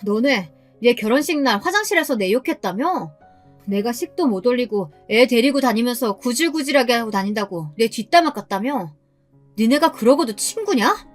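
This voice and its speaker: A woman's voice: on the high side, animated, normal speed, soft background music. A woman voicing a fed-up, resentful young mother. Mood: resentful angry. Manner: confrontational.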